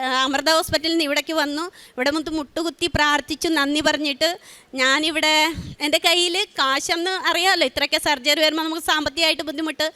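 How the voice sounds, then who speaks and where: Middle-aged woman telling her testimony, high bright voice, keeps stopping and restarting. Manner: emotional, halting, with many fillers and restarts. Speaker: testimony giver. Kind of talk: spoken testimony.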